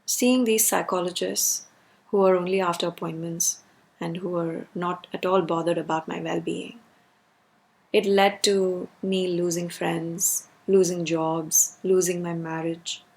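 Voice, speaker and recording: A woman's voice: on the low side, steady tone, a little slow, gravelly, a little mellow, poor audio. A woman delivering a personal rant as a video creator, speaking emphatically and repeating words for stress.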